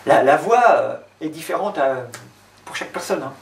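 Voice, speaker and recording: A man performing a one-man stand-up show in a hall, chatty and deadpan, with lots of fillers, recorded from a distant mic. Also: a little high, normal speed, vocal fry. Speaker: stand-up comedian. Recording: roomy hall, far from mic, faint noise.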